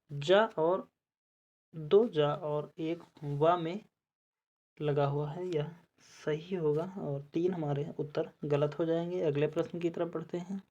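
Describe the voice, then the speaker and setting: A woman teacher with a low, mellow voice talks through exam spelling questions at an unhurried pace. She repeats each word as she checks it, moving methodically from option to option. The recording is slightly dull and lo-fi. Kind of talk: explaining spelling quiz answers.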